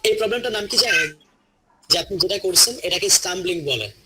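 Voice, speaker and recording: A man with a Bangladeshi Bengali accent teaching English pronunciation in a classroom, slowly drawing out model phrases for students to repeat. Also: sits high, lively intonation, heavy background noise. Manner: slow, drawn-out model phrases for repetition. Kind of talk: classroom lesson.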